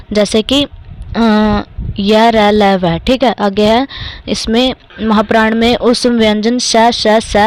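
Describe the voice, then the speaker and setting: With a Haryanvi-flavored Hindi accent, a young woman from India leads a step-by-step grammar lesson for exam preparation, frequently pausing on "theek hai." She has a mid-range voice and clears her throat from time to time, and the audio is poor.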